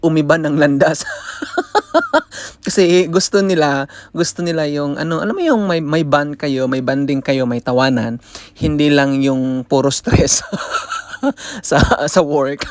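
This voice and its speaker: A man's voice: fairly high pitch, no room sound. A man from the Philippines telling a casual vlog story, switching between Tagalog and English and often laughing as he talks. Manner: chatty, laughs often through his stories. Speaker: vlogger.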